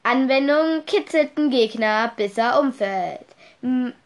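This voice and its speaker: Speaking slowly in a high, expressive voice, a congested young woman rambles through her notes on her one-person podcast. She keeps things casual and spells certain words out one letter at a time.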